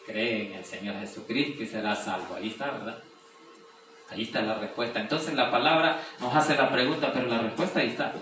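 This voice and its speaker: In a brisk sermon, a pastor with a mid-range voice explains scripture, reads verses out loud, and asks rhetorical questions. The sound comes through a distant mic in a very echoey room, with faint noise.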